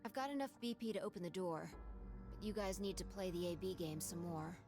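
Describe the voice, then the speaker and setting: A woman's voice: on the low side, a little fast, natural voice. Actress as a matter-of-fact young woman, game dialogue, music behind. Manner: cool, curt, matter-of-fact. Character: cool, sharp-tongued young woman. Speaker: game character.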